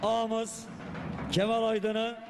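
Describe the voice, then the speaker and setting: A high-voiced man announces a live ceremony. He calls it out as an auctioneer and master of ceremonies would at a wrestling festival. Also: completely flat delivery, slow pace, background noise.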